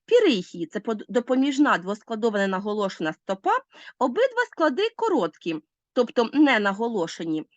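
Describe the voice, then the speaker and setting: A woman's voice: on the high side, sing-song, a little fast, no echo, muffled recording. A woman teacher explaining a literature lesson step by step, speaking directly to her pupils.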